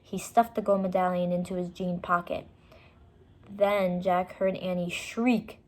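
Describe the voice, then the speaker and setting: A woman with a lowish voice reads a children's story aloud. Her narration is expressive, deliberate and dramatic.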